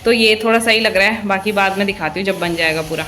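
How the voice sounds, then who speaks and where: A woman's voice: medium pitch, fast, pushed and bright. Chatty woman vlogging at home. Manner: chatty, teasing, laughing often. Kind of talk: casual home vlog. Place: home kitchen and indoors. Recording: echoey room with music behind.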